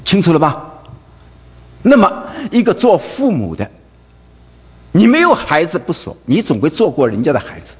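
A man's voice: on the high side, huge pitch swings, moderate pace, pauses often, darkish tone, husky. A man with a Wu-delivering a sermon, firing off rhetorical questions tagged with "right?" and stammering over repeated fillers. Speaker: preacher. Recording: long hall reverb.

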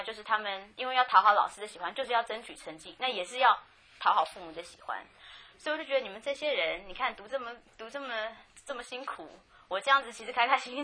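A woman with a Taiwanese Mandarin accent tells her life story frankly and chattily, restarting often, as casual storytelling and personal testimony. Her voice is medium-pitched, bright and forceful.

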